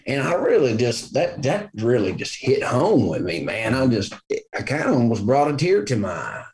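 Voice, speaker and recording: A man's voice: mid-range voice, sing-song, moderate pace, darkish tone. A man with a Southern US accent chatting casually and telling stories in a folksy, earnest way, repeating himself for emphasis. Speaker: hunter in conversation. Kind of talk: casual conversation, storytelling.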